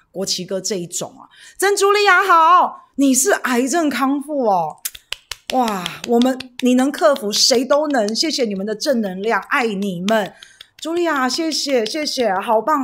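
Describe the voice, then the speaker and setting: A woman's voice: mid-range voice, fairly bright tone. A woman from Taiwan hosting a casual political livestream, rambling with fillers and tag questions and greeting viewers by name. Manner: chatty, greets viewers by name, reads donations.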